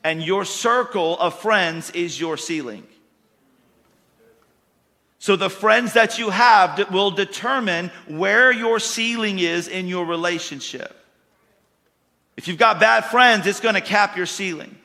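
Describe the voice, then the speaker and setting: A man preaches to his congregation in a folksy, emphatic way, pressing his points and rising into louder bursts. His voice is bright and sits a little high. The sound rings with the long reverb of a church hall. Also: slow, gravelly. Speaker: pastor. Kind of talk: sermon.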